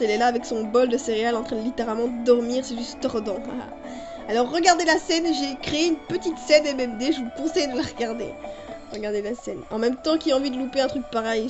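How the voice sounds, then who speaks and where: A woman's voice: on the high side, steady tone, quick pace, dull audio, over music. A woman with a cough reading her own fan story aloud and chatting about it with giggly asides. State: has a cough. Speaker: fan story reader and video maker. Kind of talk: casual reading with commentary.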